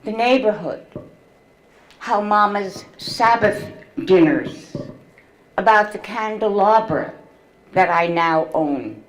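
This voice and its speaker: An animated woman in her 70s with a mid-range voice reads from her memoir and narrates her story to an audience, keeping a slow, measured pace. The recording is of low quality.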